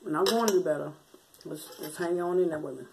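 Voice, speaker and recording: Female American vlogger, slightly low voice, folksy casual chat between bites, noisy room with clinking cutlery. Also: quick pace. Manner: folksy, informal, chatty. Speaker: mukbang vlogger. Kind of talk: casual chat to viewers while eating. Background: clear noise, clicks, cutlery and dishes.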